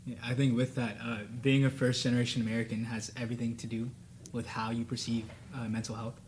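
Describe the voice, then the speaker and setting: A man's voice: medium pitch, level tone, fast talker, a little hiss or hum. A young man whose first language is Spanish, speaking earnestly and reflectively in a casual student discussion, with many fillers. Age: young adult. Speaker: student panelist.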